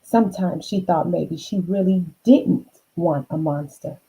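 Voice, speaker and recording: A woman reads a children's storybook aloud at an unhurried pace, adding dramatic emphasis and chatty asides to the listener. Her voice sits on the low side, mellow and husky, and the audio quality is poor.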